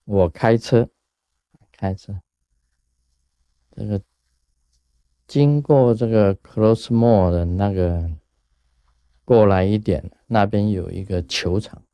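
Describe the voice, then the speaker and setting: A man from Taiwan, giving a casual Buddhist talk in a lively storytelling way and chuckling at his own jokes. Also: on the low side, slow pace, long pauses, clear, resonant tone, no echo. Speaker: Buddhist teacher.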